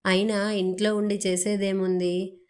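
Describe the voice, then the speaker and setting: A woman voicing a weary, gentle elderly father, speaking faintly. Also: medium pitch, level tone, a little slow, close to an everyday voice. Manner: faint, tired delivery.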